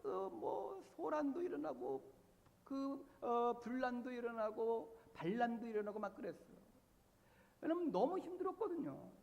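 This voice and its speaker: A man's voice: extremely high pitch, darkish tone. A man preaching a sermon as pastor, emphatic and repeating key words for stress. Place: church sanctuary. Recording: long church-hall reverb.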